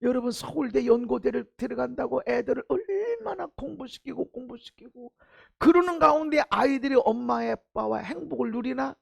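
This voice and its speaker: A man preaching a sermon as pastor, swinging from loud exhortation to hushed low asides and giving blunt, informal commands to the congregation. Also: normal speed, vocal fry, husky. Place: church sanctuary.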